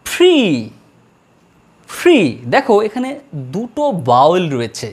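Woman teacher, lively pitch, drawn-out model words, lesson style. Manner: slow drawn-out model words, repeated for students. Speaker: English grammar teacher. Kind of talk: classroom lesson.

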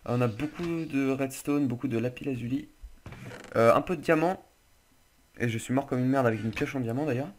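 A man's voice: medium pitch, brisk, slight background noise. A man hosting casual game commentary, chatty and loose, joking and swearing casually. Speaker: gaming channel host.

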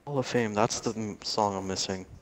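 A man's voice: on the low side, normal speed. Easygoing man in a game party. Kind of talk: casual gaming chat.

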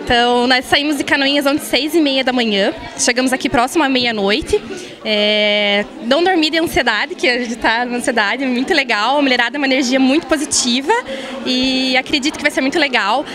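A young woman answering an interview at a rural riding event, eager and quick. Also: high-pitched. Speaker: event participant. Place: indoor hall at a farm event. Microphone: handheld mic. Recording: crowd chatter behind.

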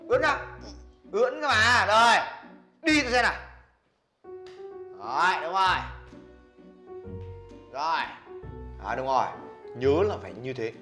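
A man playing a loud, bossy young coach. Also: fairly high pitch. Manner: loud, bossy, animated scolding. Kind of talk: comedy skit acting.

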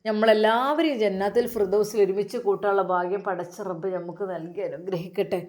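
A doting, devout old mother, as a woman puts her on, who speaks with a Malappuram accent and showers her children with blessings. Her voice sits at a middle pitch and moves in a fond, caring way. This is a figure from a spoken family story. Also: brisk, darkish tone, lightly acted. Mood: tender. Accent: Malappuram Malayalam. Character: devout elderly mother, tender and pious.

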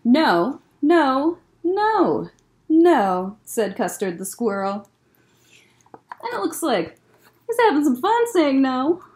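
In an indoor library room lined with bookshelves, a young children's librarian hosts story time, reading picture books aloud slowly. Her slightly high voice rises and falls broadly as she tells the stories expressively for the kids, pausing for casual comments about the pages.

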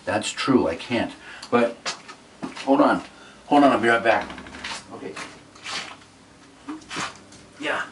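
A man's voice: mid-range voice, a bit bright, far from the mic, slight background noise. A man vlogging in a playful, mock-indignant, boastful way in a room at home. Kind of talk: playful comic vlog.

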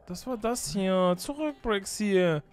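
A woman streaming a game, chatting excitedly with her co-player and the viewers and exclaiming in quick bursts. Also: mid-range voice, clear, resonant tone. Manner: jumpy, exclaiming, repeats words in bursts. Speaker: gaming YouTuber. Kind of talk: excited gameplay chat.

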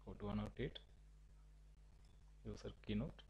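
A man with a low, gravelly, mellow voice talks through a screen-recorded software tutorial. He gives halting, stepwise instructions and often restarts his sentences. A faint hiss sits under the recording. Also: dull audio.

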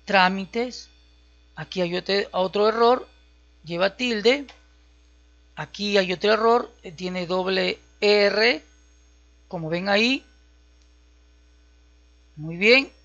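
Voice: medium pitch, fairly bright tone. An instructor talks through a computer tutorial step by step and keeps checking that listeners are following. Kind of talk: screen-recorded software tutorial. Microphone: voice-over on a screen recording. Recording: slightly dull, lo-fi audio.

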